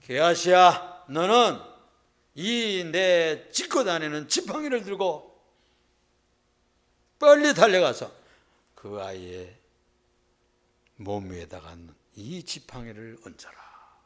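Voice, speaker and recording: A man's voice: lowish voice, takes it slowly, long pauses, voice pushed down. A male pastor voicing a prophet who gives his servant urgent commands, as part of a sermon retelling. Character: commanding old prophet giving urgent orders.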